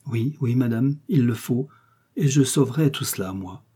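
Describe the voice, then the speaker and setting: A man's voice: medium pitch, normal speed, mellow, husky, close to an everyday voice. A man reading an audiobook, voicing a loyal, devoted young woman servant in an earnest, reassuring way.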